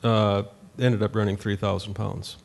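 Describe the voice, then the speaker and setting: A middle-aged farmer from North Dakota speaks at a meeting-room podium, his voice sitting on the low side. He talks plainly and loosely, circling back with fillers and restarts. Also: little pitch movement, normal speed, creaky. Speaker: farmer panelist. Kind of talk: conference panel talk.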